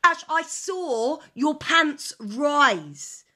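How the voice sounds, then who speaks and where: A woman's voice: high-pitched, animated, very slow, pushed and bright. A woman, co-hosting a movie reaction, teasing and indignant. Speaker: co-host, girlfriend. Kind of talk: casual reaction chat.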